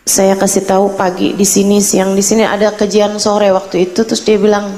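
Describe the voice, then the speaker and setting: A middle-aged woman preacher telling a story in a gentle, clear manner, acting out the people she quotes. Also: mid-range voice, completely flat delivery, brisk, long reverb tail, slight background noise, rough recording. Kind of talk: religious talk with story.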